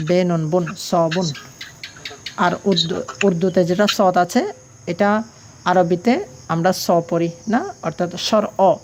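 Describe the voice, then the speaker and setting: Low-voiced woman teaching a language class. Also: darkish tone, a little hiss or hum. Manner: patient, spells out letters and vowel marks; asks the class questions, then answers them. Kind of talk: online language lesson.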